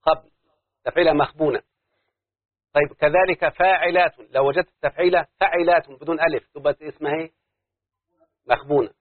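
Husky Egyptian teacher on a tinny line. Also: male voice, a little high, fairly even intonation, fairly quick, pauses often, no room sound. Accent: Egyptian Arabic. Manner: keeps quizzing the class, asking if they follow. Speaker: teacher of Arabic prosody. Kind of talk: classroom lesson. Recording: dry, narrow phone-like lo-fi sound.

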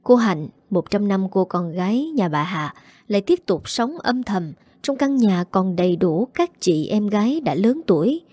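A woman narrating a family story in a steady, dramatic telling. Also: medium pitch, measured pace, no room sound. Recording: dry, faint music behind.

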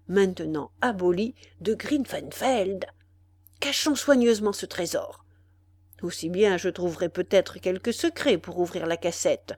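A woman's voice: mid-range voice, a little mellow. A woman voicing a timid, greedy old male concierge who mutters fretfully and breathlessly to himself.

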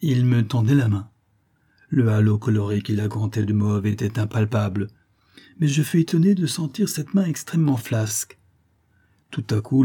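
A male audiobook narrator reads a classic novel in a measured, literary manner. His voice is mellow and warm, with a husky grain throughout. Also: on the low side.

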